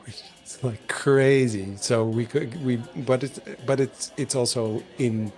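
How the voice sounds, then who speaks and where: A man's voice: mid-range voice, measured pace, soft background music. Rambling male podcast host. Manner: rambling, many restarts, animated. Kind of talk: casual conversation.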